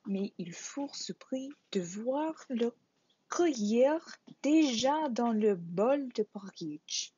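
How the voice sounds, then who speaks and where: A woman reading a storybook aloud for a library storytime, in an expressive read-aloud manner. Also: a little high, takes it slowly, husky. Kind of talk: bilingual storybook narration. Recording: dull lo-fi recording.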